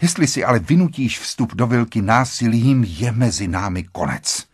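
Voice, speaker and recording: A man's voice: mid-range voice, expressive, slightly rough, dry recording, studio quality. A man reading an audiobook voices a frightened young wife who begs her husband desperately. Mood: pleading, frightened. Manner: imploring, breathless urgency.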